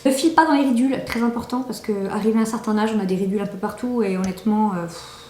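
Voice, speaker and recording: A woman's voice: medium pitch, fast talker, darkish tone, roomy sound. A woman reviewing makeup in a casual vlog, chatty and enthusiastic, talking straight to her viewers. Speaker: beauty vlogger.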